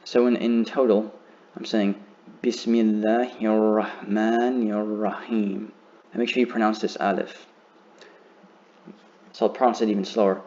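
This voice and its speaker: Male teacher, low voice, slow careful beginner lesson, muffled recording. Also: fairly even intonation, a little mellow. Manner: slow, careful demonstration of pronunciation.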